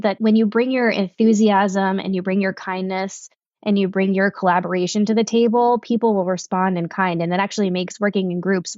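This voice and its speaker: A woman's voice: medium pitch, darkish tone, no room sound, dull audio. Enthusiastic woman doctor on a podcast. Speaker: physician, guest. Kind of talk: podcast interview.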